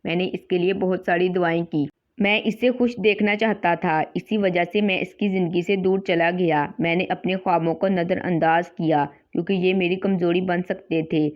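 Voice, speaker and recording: Woman narrating a story, low voice, earnest steady reading. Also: few pauses. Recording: slightly dull lo-fi recording.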